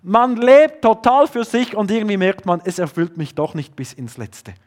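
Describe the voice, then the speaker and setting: A man preaching a sermon, often dropping to a low hush to stress a point. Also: big pitch swings, normal speed. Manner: earnest, drops to a low hush for emphasis.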